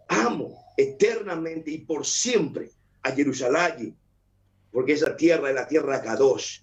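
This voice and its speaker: An Argentine man with a high-pitched voice speaks in a live online religious talk. He is emphatic and repeats his main points. His audio sounds dull and lo-fi. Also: gravelly. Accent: Argentine Spanish. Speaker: guest speaker.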